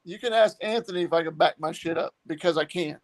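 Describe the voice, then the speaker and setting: A man's voice: on the high side, fast, no room sound, poor audio. A man from Texas trash-talking on a wrestling podcast, cocky and sarcastic. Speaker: wrestler, guest.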